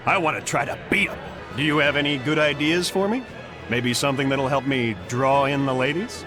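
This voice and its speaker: An actor playing a cheerful, boisterous reformed bandit who now dreams of cooking, in a video game. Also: male voice, medium pitch, a little fast, natural voice. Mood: eager, pleased. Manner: boisterous, informal. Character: cheerful reformed male bandit turned eager cook. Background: music.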